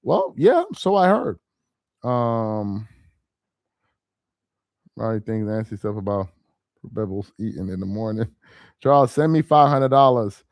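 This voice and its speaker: A young man of Nigerian heritage hosts a casual livestream, reading viewer comments aloud and speaking straight to his chat, animated, laughing and exasperated. His voice sits on the low side with vocal fry, a slow pace and long pauses. The recording is dry and studio-clean.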